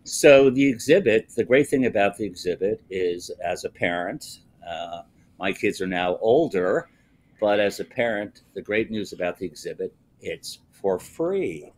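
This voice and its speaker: An older man speaking as a guest on a live TV interview over a video call from a wood-panelled office, measured and pausing often with "uh". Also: fairly low pitch, lively intonation. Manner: slow, measured, frequent "uh" pauses. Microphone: video call, webcam close up.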